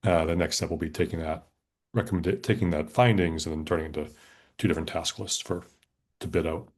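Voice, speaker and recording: Committee lead: low, very deep-voiced man, orderly, explains step by step in a meeting room. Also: steady tone, a little fast. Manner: orderly, walks through schedules and bids step by step.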